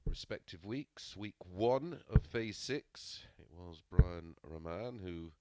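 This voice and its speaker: A man's voice: sits low, expressive, slow pace, heavy background noise. A man giving live sports commentary on a darts match.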